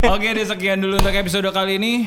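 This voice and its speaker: A man's voice: high-pitched, little pitch movement, racing, heavy background noise. A young man, chatting casually and jokily as a podcast co-host. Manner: jokey, playful. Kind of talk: casual chat.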